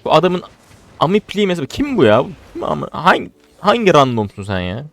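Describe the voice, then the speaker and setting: A man's voice: fairly high pitch, wildly swooping pitch, fast, creaky, faint music behind. Frustrated young man commentating a game. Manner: frustrated, swings from muttering to shouting. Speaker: gaming streamer. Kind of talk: live gameplay commentary.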